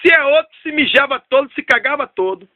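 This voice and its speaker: Man, preacher, sermon storytelling, repeats phrases, very high voice, dry sound. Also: expressive, brisk, dry recording, muffled recording. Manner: repetitive storytelling preaching, dropping low for emphasis.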